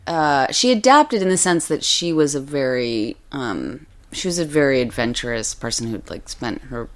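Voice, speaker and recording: A woman with an unusually low-pitched voice talks through an interview at her own pace. She hesitates a lot, trails off and restarts her thoughts, leaning on "you know" and "um" as she goes. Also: animated, moderate pace. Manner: hesitant, many fillers and restarts. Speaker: author guest. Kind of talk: casual interview chat.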